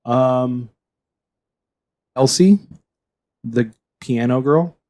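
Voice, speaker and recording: Male podcast co-host, mellow tone, rambling casual delivery. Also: medium pitch, very slow. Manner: rambling, chatty, trailing off. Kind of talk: casual chat.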